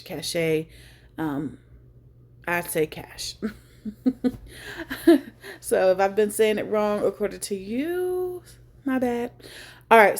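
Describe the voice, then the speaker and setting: A woman hosting a casual phone tutorial, chatty and joking, thinking aloud as she goes. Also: mid-range voice. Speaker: tech tutorial host. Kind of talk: casual screen-share tutorial.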